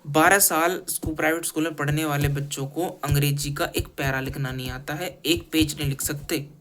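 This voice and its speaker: A man's voice: on the high side, steady tone, fairly quick, fairly bright tone, a little hiss or hum. A man from India giving an earnest, critical opinion piece in casual talk, restarting his phrases often. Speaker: commentator.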